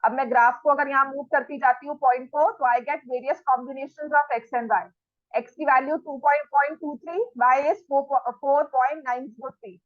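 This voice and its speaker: Woman teacher, high voice, lo-fi. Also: fairly even intonation, unhurried, no room sound. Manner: talks straight to the students, asks them questions, scolds firmly. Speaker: maths teacher. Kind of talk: classroom maths lesson, then scolding students.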